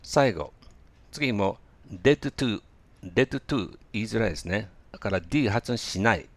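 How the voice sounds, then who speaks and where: A man teaching English pronunciation in a relaxed spoken lesson, pausing often with fillers and slowly demonstrating phrases for listeners to repeat. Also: fairly low pitch, no room sound. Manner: hesitant, many fillers, slow drilled demonstrations.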